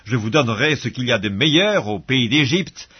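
A man reading the part of a generous, commanding king in a husky voice, in a bible reading. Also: medium pitch, expressive, normal speed, lo-fi sound.

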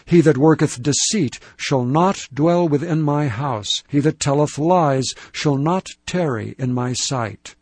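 A man giving a steady, measured, solemn scripture reading. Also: a little high, husky, no echo. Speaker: Bible reader.

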